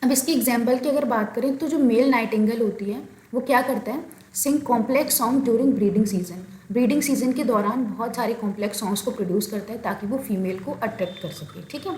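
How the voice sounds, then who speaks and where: A woman's voice: fairly high pitch, quick pace, a little mellow, a little hiss or hum. A woman giving a biology lecture, explaining step by step and checking in often with her students. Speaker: biology teacher. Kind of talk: recorded lecture. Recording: echoey room, faint ambience.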